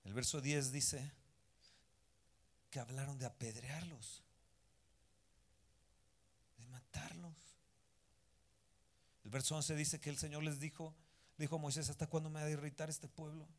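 A man preaching a sermon, firing rhetorical questions and breaking into sudden loud outbursts. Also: a little high, steady tone, unhurried, pauses often. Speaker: pastor.

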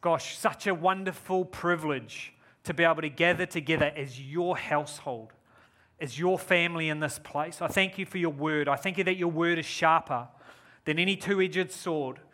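With a New Zealand accent, a man in his forties preaches a guest sermon and offers prayer at a church service. He speaks at normal speed in a fairly high, bright, forceful voice. His delivery is effusive, upbeat and full of enthusiasm.

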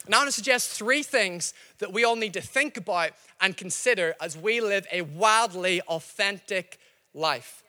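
This man preaches a sermon in a high voice at normal speed, with a long reverb tail. He is a pastor from Northern Ireland with a slightly Scottish-sounding accent, addressing his congregation directly through lively stories.

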